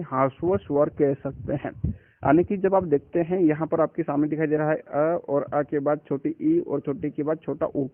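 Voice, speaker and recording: A man lectures to exam candidates, raising each point as a question and then answering it himself. His voice sits a little high for a man. The sound is dry and narrow, like a phone line. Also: no room sound. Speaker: teacher. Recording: dry, tinny phone-like recording.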